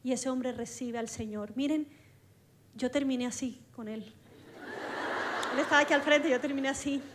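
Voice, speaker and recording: A woman with a high voice preaches, telling her story in a lively way. She acts out the dialogue as she goes, and she speaks from a church stage. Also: moderate pace, very noisy. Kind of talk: storytelling sermon.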